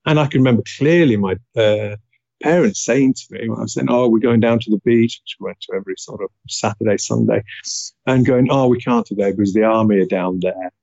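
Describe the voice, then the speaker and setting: This interview guest from Leeds, England, speaks fairly quickly in a fairly low, gravelly, dark voice with a Yorkshire accent, musing on his life through frequent filler hesitations. The sound is lo-fi and echo-free.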